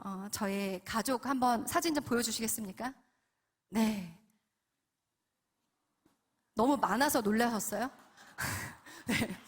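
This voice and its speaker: Testimony speaker: woman, 40s, fairly high husky voice, earnest, quizzes the congregation. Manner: earnest, addresses the audience with questions. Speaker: guest speaker at a prayer meeting. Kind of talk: testimony sermon.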